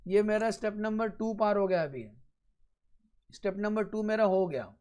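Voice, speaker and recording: A male accounting teacher lecturing a class. He repeats each step slowly and keeps checking that the students are following. Now and then he drops a blunt, joking aside. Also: sits high, expressive, a little mellow, clean tone.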